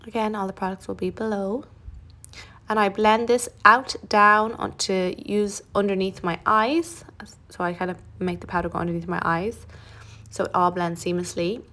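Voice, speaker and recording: A young woman narrating a makeup tutorial in a chatty, relaxed way, with self-deprecating asides. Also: medium pitch, normal speed.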